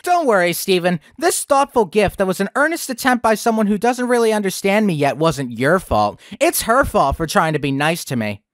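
A man's voice: high-pitched, big pitch swings, normal speed, few pauses, no echo, studio quality. A young man hosting a review video, with sarcastic, profane ranting commentary. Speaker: video critic host.

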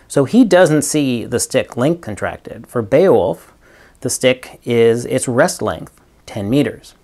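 A physics professor in his fifties records a video lecture in a small room in front of a green wall, his mid-range voice a little mellow. He explains using toy props and thinks aloud with ums.

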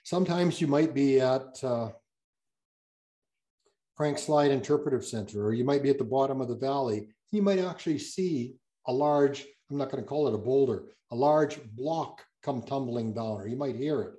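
A man's voice: medium pitch, moderate pace, warm tone. A man speaking as a guest geologist, answering audience questions on a video call in a rambling, self-correcting way with many fillers.

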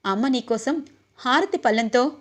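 Defiant young guy in love, fired up, highish voice, a lady reading him out. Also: lively intonation, moderate pace, natural voice. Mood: firm. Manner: impassioned, pleading, defiant. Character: passionate young man, defiant lover.

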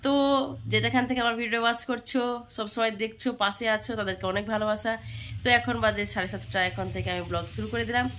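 A woman in her thirties from India with a West Bengal accent, hoarse from a cold, chatting casually to viewers as she cooks at home. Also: on the high side, fairly even intonation, quick pace, a little hiss or hum. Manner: chatty, talks straight to viewers while cooking. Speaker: housewife vlogger. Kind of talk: casual home vlog chat. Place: home kitchen. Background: loud guitar music.

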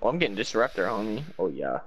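A young man chatting casually with a friend while gaming, laid-back and quick to laugh. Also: lowish voice, big pitch swings, slight background noise. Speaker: gamer.

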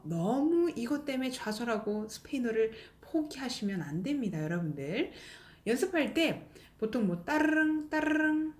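A woman teaching an online language lesson, speaking slowly and clearly, repeating example words and encouraging her viewers. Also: mid-range voice, a little mellow. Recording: echoey room.

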